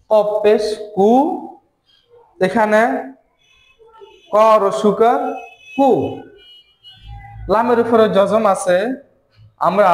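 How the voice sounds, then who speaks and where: A man with a fairly high voice gives a Quran reading lesson, sounding each syllable slowly and repeating it for his learners. His voice rings through an echoey room. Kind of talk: spelling out letters and syllables slowly in a recorded lesson.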